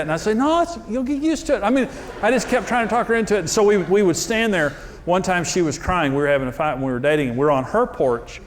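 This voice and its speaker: A man teaching on marriage through humorous, self-deprecating personal stories, told in an animated way. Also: a little high, slight background noise. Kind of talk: personal storytelling talk.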